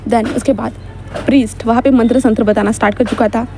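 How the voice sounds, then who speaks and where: A woman's voice: a little high, steady tone, brisk, mellow, a little hiss or hum. A woman narrating fan fiction in a casual, chatty retelling with frequent fillers.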